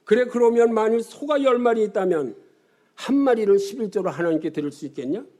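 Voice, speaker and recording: A man's voice: high-pitched, expressive, a little fast, dark tone, voice pushed up. A man in his seventies acting out a friend who teases with pointed questions, in a sermon story. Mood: probing. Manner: teasing, questioning.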